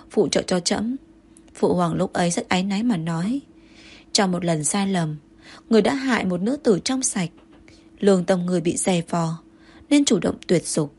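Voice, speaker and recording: Woman reading a jealous possessive emperor, commanding yet coaxing, husky, middle pitch, audiobook role. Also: darkish tone. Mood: somber. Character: possessive jealous male emperor, tender underneath.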